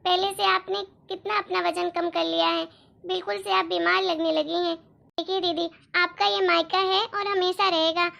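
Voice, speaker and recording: A woman voicing a caring young sister-in-law in a cartoon story, softly persuading and gently scolding. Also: extremely high pitch, little pitch movement, moderate pace, creaky, full character voice. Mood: gently persuasive. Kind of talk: Hindi cartoon moral-story voice acting.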